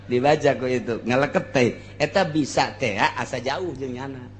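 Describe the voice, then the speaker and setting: A man with a Sundanese accent, an Islamic preacher, gives a humorous storytelling sermon, shifting between theatrical mock-romantic recitation and colloquial asides. His voice is mid-range at normal speed, and the hall is echoey with long reverb.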